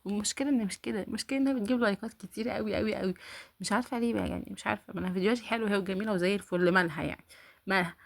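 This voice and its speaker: A woman's voice: mid-range voice, very fast, vocal fry. A woman with an Egyptian accent hosting a reaction video, mocking what she watches and talking straight to her viewers. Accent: Egyptian Arabic. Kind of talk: casual reaction commentary.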